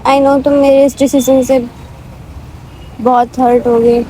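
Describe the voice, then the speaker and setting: Young female vlogger, high voice, pleading and soothing, light road noise in the background. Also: flat delivery, takes it slowly, mellow, poor audio. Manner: pleading, soothing, repeats words. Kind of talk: emotional staged vlog conversation.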